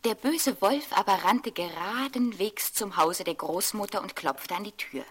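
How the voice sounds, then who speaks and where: A woman reading a fairy tale aloud in a gentle, often whispered storytelling manner. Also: medium pitch, unhurried, breathy edge.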